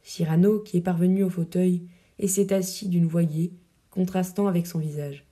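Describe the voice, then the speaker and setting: A woman narrating an audiobook, reading a play's stage directions in a measured, even way. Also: lowish voice.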